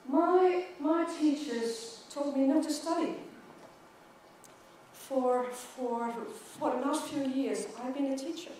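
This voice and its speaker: Giving a keynote in English, a middle-aged woman from Sweden speaks with a Swedish accent and stutters, repeating words and syllables. Her high voice is warm and slow. The mic sits far away in an echoey conference hall, with a little hiss or hum.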